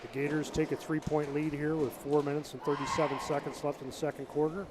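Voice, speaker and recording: A man giving relaxed, conversational color commentary at a live high school basketball game. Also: fast talker, noisy background.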